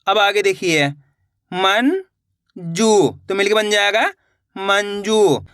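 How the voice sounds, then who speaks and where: Man, reading teacher, sounds out syllables slowly, high bright voice, dry close sound. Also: smooth. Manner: drawn-out syllable-by-syllable reading, then brisk coaxing explanations; addresses viewers as friends, repeats words for them to echo. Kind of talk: online reading lesson.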